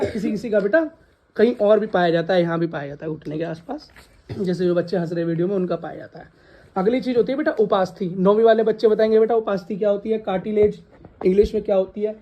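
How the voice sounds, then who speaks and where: A woman's voice: medium pitch, quick pace, highs cut off. A woman science teacher leading a classroom lesson, asking questions and having the class repeat answers back to her. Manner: repeats questions for the class to echo, calls students "beta"; scolds laughing students. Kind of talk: classroom lesson with call-and-response. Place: classroom with students present.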